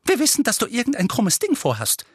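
A man voicing a thin, sharp, nervous aunt in an audiobook, shrill and hissing. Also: huge pitch swings, fairly quick, slightly rough, no echo, studio quality, full character voice. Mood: scolding. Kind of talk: audiobook character voice.

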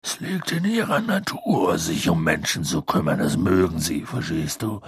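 A hulking, good-natured giant of a gamekeeper from a storybook, speaking low and gruff with a slow homely drawl. The tone is husky and close, recorded dry with no room around it. He sounds blunt and set in his ways. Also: big pitch swings, dry recording, heavily acted. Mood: stubborn. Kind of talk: audiobook character voice.

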